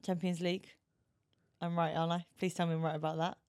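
A woman's voice: on the low side, level tone, quick pace, a little mellow, no echo, studio quality. A British woman co-hosting a podcast, chatting playfully and laughing often. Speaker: podcast co-host. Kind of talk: casual chat.

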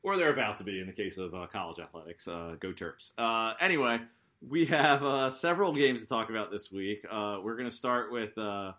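A man's voice: fairly low pitch, a little fast, bright, forceful tone. A man with a Baltimore accent hosting a casual sports podcast panel in a wry, joking manner. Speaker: podcast host.

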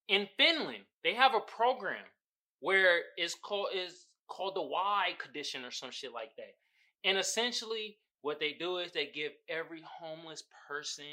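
Brief: male podcast host, rambling profane rant, lively pitch, bright tone.

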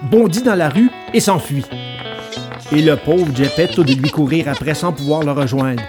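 A man narrating a children's storybook aloud in an expressive, dramatic read-aloud manner. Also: a little high.

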